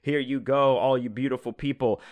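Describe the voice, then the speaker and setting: A man hosts his own casual solo podcast from a home room, rambling loosely with plenty of fillers and swearing. His mid-range voice has a darkish tone, fairly even intonation and a moderate pace, with no room sound.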